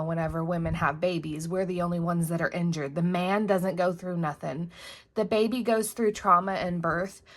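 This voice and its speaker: Sitting at her home desk, a young, heavily pregnant woman films a casual planner vlog, chatty and rambling, correcting herself and a bit out of breath. Her voice is fairly low and fairly bright.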